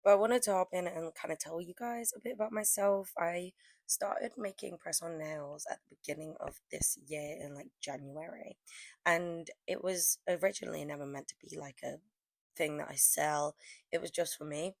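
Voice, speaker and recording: Her cold has left this young press-on nail artist sounding hoarse and croaky, her low-pitched voice fairly even in intonation at a normal speed. She talks through her nail art in a casual, rambling vlog style full of fillers, with no room sound.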